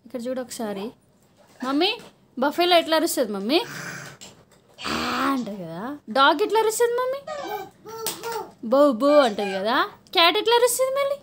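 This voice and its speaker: A woman's voice: high voice, very animated, quick pace, fairly bright tone, slight background noise. A mother with a Telangana Telugu accent filming her toddler at home on a phone, coaxing and teasing the child in playful sing-song baby talk. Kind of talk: home video chatter with a small child.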